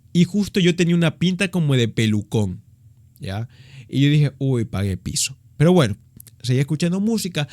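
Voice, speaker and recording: A young man in his twenties with an Ecuadorian accent, telling a story on his vlog in a slangy, profane, animated way. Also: fairly high pitch, no room sound, clean studio sound. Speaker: vlogger.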